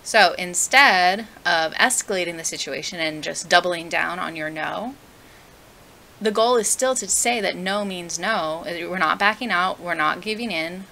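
A young woman who works as a parenting educator speaks straight to the camera, coaching parents on dealing with toddler tantrums. Her voice sits fairly low, with vocal fry and a bright, forceful tone, and she moves at a measured pace, earnest and conversational, often putting questions to the viewer. The recording is rough, with slight background noise.

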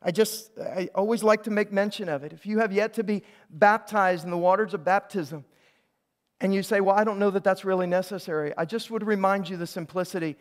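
Man, pastor, sermon in a church, high-pitched voice, interactive, restarts phrases. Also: a little fast. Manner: interactive preaching, frequent restarts, asks congregation to repeat. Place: church sanctuary.

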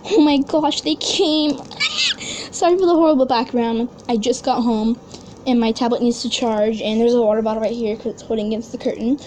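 A woman in a casual unboxing vlog at home, excitable and gushing, gasping often over what she finds. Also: fairly high pitch, a little fast, slight background noise. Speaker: toy unboxing vlogger. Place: at home indoors.

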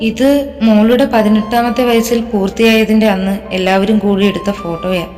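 A woman's voice: mid-range voice, steady tone, a little fast, darkish tone, close to an everyday voice. A woman voicing a kindly middle-aged aunt in an audio story, affectionate and soothing. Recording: reverberant with background music.

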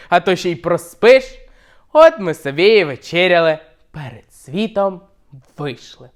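A young man reading a humorous story aloud, lively and expressive, shifting his volume for effect. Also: high voice. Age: young adult. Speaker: student reciter.

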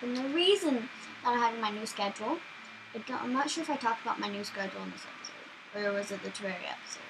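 A young woman hosting a gaming channel, chatting casually and excitably while she plays, often startled. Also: a little high, noisy background. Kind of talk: casual gameplay commentary.

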